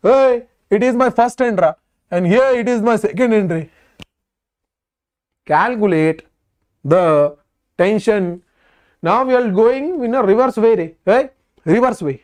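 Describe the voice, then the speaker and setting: A physics teacher with a Telugu accent giving a lively classroom lesson, repeating phrases insistently and prodding students with questions. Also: medium pitch, normal speed, pauses often.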